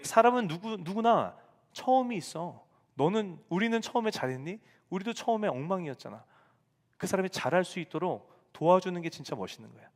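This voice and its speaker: A male pastor in his forties preaching a sermon to young adults, telling a family story and acting out the lines he quotes. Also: high voice. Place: church sanctuary. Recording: reverberant church hall.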